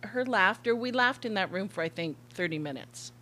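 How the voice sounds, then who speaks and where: A woman's voice: mid-range voice, animated, normal speed, sharp tone. Giggly woman telling a story. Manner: giggly, rambling. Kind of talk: casual storytelling chat.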